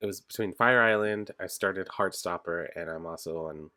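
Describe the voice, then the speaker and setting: A man co-hosting a podcast in casual chat, with an animated, exclamatory way of talking. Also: sits low, normal speed. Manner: animated, exclamatory, swears freely. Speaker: podcast co-host. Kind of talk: casual pop culture chat.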